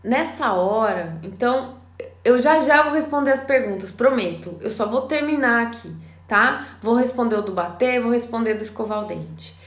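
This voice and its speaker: A Brazilian woman with a Brazilian Portuguese accent speaks on a live stream, a parenting educator addressing parents directly. Her voice sits fairly high, and she keeps it animated with rhetorical questions. The room gives her voice a noticeable echo. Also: moderate pace.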